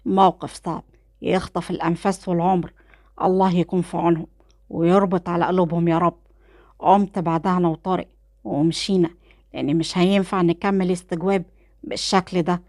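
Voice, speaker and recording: A woman with an Egyptian Arabic accent reads a romantic thriller aloud in first person, in a calm, measured storyteller's voice. Her voice sits on the low side, and the recording is close and dry. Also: no echo.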